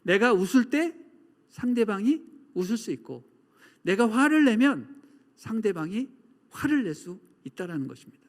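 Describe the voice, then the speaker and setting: A man with a high, lively voice gives a sermon in a large church sanctuary. He tells stories and acts out shouting and echoing calls. His voice rings with long church-hall reverb. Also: moderate pace. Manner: preaching with acted shouts and echoes. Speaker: pastor.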